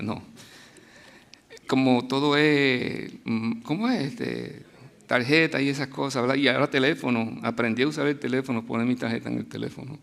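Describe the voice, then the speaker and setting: Male preacher, middle-aged, gravelly voice, conversational storytelling sermon. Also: medium pitch, a bit bright. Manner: conversational storytelling, with restarts and asides. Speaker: guest preacher.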